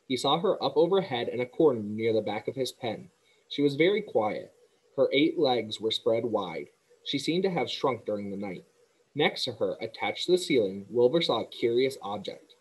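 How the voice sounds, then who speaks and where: Calm male teacher reading a storybook. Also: medium pitch, slightly rough, low-quality recording. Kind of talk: children's book read-along narration.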